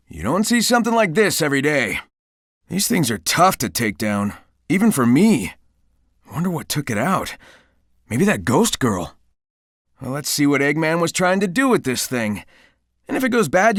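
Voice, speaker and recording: Lively, cocky hedgehog hero. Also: male voice, on the high side, dry recording, studio quality, heavily acted. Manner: breezy, wisecracking, confident. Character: cocky, upbeat young male hedgehog speedster hero. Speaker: video game voice actor. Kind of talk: animated video game dialogue.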